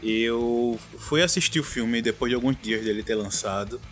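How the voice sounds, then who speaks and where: A man's voice: medium pitch, moderate pace, faint music behind. A Brazilian man chatting casually as a podcast panelist. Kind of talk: casual chat.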